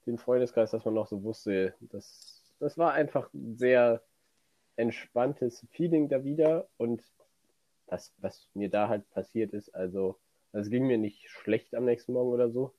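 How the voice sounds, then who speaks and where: A man's voice: medium pitch, a little slow, warm tone, dry recording. A man with a light Rhineland German accent, chatting casually and rambling through stories as a podcast co-host. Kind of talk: casual chat.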